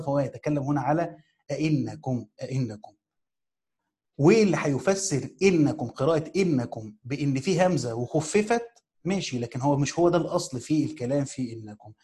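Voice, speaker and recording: A man's voice: on the high side, dark tone. A man with an Egyptian accent teaching a class, reading a commentary phrase by phrase, repeating key words and asking rhetorical questions. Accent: Egyptian Arabic. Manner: reads phrases slowly, repeats them for emphasis; asks rhetorical questions of his students. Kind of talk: classroom lesson reading and explaining a text.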